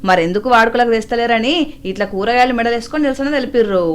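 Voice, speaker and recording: A woman's voice: fairly high pitch, fast talker, very noisy. A woman with a Telangana accent narrating satirical news voice-over with wry, mocking commentary. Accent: Telangana Telugu.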